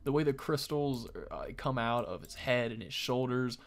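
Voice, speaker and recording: Seated at a desk in a small indoor room, a man hosts a gaming video, delivering casual, excited preview commentary on a game. His medium-pitched voice is expressive and moderately paced, over faint background noise and clicks.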